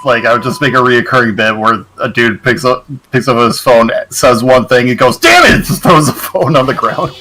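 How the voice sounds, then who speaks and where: A man chatting casually with friends, making dry, deadpan jokes. His voice is bright and forward at a middle pitch, with faint game music behind him. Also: normal speed, few pauses, poor audio. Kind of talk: casual chat.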